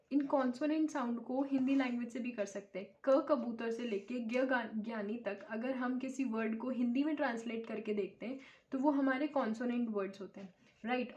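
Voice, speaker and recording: A woman's voice: a little high, darkish tone, dull audio. A woman teaching an English grammar lecture, explaining step by step and often checking with her students. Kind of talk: classroom lecture.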